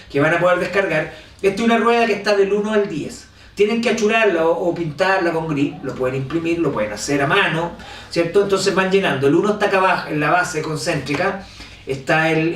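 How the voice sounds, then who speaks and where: A man with a Chilean accent teaching an online course lesson. He speaks in an animated way and keeps checking with his listeners. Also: fairly high pitch. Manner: animated, asks for agreement with "¿cierto?". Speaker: instructor. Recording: echoey room, voice from a distance.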